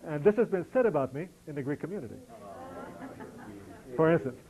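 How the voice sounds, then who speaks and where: A man's voice: fairly high pitch, animated, fairly quick, narrow, tinny audio, a crowd in the background. A middle-aged American man answering audience questions after a lecture, conversational and wry, with frequent restarts. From United States. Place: lecture hall.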